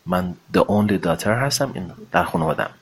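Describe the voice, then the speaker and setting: A man teaching English, saying each phrase slowly and carefully before explaining it. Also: low voice, lively intonation, breathy edge, low-quality recording. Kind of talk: language lesson, slow modeled English phrases with Persian explanation.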